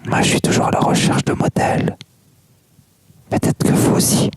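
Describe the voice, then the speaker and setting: An ASMR reader whispering softly without voice, like in a library, reading a book aloud with asides. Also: moderate pace. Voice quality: unvoiced soft whisper. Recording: very noisy whisper recording with mouth clicks.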